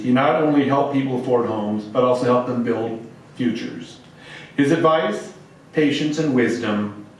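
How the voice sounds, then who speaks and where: Man giving a solemn eulogy, very echoey. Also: medium pitch. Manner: measured, solemn, phrase-by-phrase delivery. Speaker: officiant of a memorial service. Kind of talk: formal eulogy read from prepared text. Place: large echoey room at a gathering. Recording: echoey hall, distant mic, faint noise.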